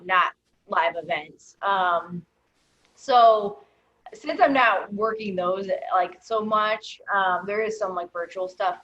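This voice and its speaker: A woman talking in a casual video call discussion, rambling with many fillers and sometimes trailing off quietly. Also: medium pitch, highs cut off, a little hiss or hum. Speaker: comedian and guest.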